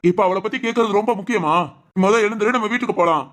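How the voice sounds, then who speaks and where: A woman's voice: mid-range voice, quick pace, a bit bright, natural voice. A woman voicing a hot-headed, protective adult son in a family cartoon, ranting indignantly. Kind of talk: Tamil family cartoon voice acting.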